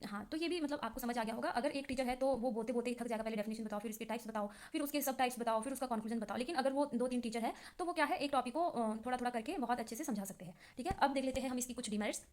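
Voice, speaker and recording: A woman's voice: a little high, a little mellow. A young woman, a trainee teacher, explaining exam notes in a casual lesson, chatty and full of fillers. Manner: chatty explaining with many fillers, reads English definitions slowly.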